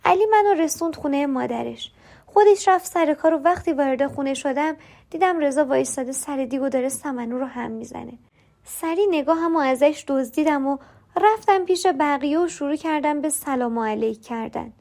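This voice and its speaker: A woman's voice: high-pitched, vocal fry, a little mellow. A woman narrating a first-person story in a confiding way, acting out the other people's lines as they come up. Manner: confiding, voices other characters in dialogue.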